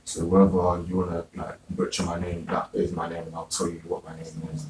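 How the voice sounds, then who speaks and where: A man's voice: sits low, completely flat delivery, fairly quick. A man in a casual group discussion, talking reflectively and searching for his words. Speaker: guest. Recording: echoey room, distant mic, faint noise.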